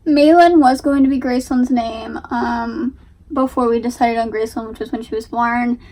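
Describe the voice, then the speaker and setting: A young woman with a high voice hosts a casual reaction video. She talks off the cuff, explaining her side haltingly and repeating words for emphasis. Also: fairly even intonation, warm tone, far from the mic. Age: young adult.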